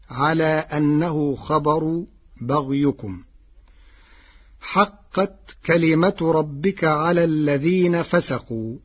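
A man with a somewhat high, husky voice gives a scripted religious explanation. He speaks very slowly and deliberately, and the broadcast recording sounds dull and muffled. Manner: slow, careful, deliberate delivery. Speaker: presenter explaining Quran readings.

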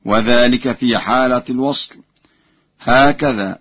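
Guy teaching quran readings, talks slow, chants the verses, dry muffled sound. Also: mid-range voice, breathy edge, no room sound. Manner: measured explanation broken by slow chanted verses. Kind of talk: explaining recitation variants with chanted examples.

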